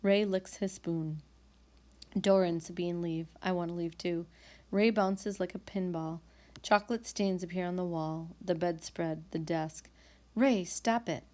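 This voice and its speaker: A woman reading a novel aloud with calm, measured storytelling. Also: lowish voice. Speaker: audiobook reader.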